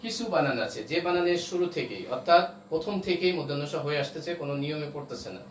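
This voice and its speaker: A man's voice: on the high side, quick pace. A man teaching an online class, explaining step by step and often checking that his students follow. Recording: roomy echo, voice from a distance, faint noise.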